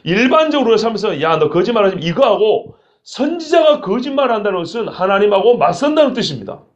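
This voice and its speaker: Animated high-voiced male preacher. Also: fast talker, muffled recording. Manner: animated preaching, acts out quoted lines with sudden shouts. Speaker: pastor. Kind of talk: expository sermon.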